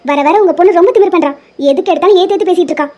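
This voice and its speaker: Lady doing a bossy nagging cartoon mom, high pitched and quick. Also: highs cut off. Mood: scolding. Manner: sharp, scolding, suspicious. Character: strict, scolding middle-aged rich mother. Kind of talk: Tamil cartoon dub.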